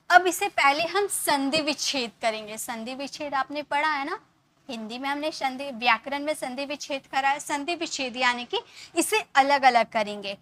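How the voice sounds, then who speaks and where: A woman's voice: sits high, pushed and bright. A woman teaching an English spelling lesson, explaining patiently, repeating herself and asking many rhetorical questions. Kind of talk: classroom lesson.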